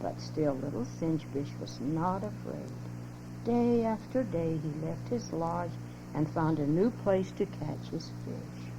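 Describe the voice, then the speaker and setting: An older woman with a low voice, slow pace and vocal fry narrates a children's story aloud with plenty of expression. It was captured on a home tape, a lo-fi, muffled cassette with a loud hum.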